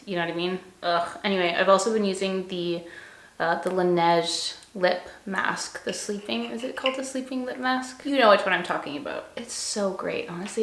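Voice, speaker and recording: A woman's voice: on the low side, gravelly, a bit bright, echoey room. Gushing, chatty woman vlogger. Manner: effusive, gushing, conversational. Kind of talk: casual chatty skincare vlog.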